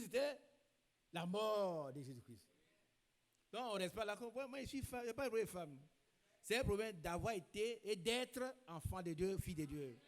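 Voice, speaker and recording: A man's voice: high voice, fairly bright tone. A man preaching a sermon in a church, emphatic and repeating his key phrases. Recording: long reverb in a church hall.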